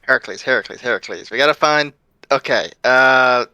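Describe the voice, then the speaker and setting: A man playing a tabletop game, thinking aloud in quick, scattered bursts. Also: medium pitch, bright, forceful tone, smooth, dry recording, poor audio. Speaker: player. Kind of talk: casual tabletop play.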